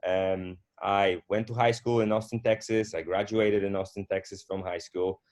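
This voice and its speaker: A middle-aged man from Poland, telling his story as a guest in a casual conversation, unhurried and full of fillers. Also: low voice, steady tone, darkish tone. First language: Polish. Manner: unhurried, with frequent fillers and restarts.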